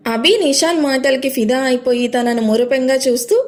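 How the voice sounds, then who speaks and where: A woman telling a romantic serial story, smooth and steady. Her voice is high and light. The delivery stays even throughout. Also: moderate pace.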